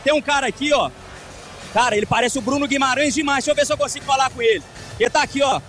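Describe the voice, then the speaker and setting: Fast-talking Brazilian street reporter. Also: male voice, very high-pitched, bright, forceful tone, soft background music. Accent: Brazilian Portuguese. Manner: hurried, chatty, upbeat. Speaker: field reporter. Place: crowded outdoor bar district.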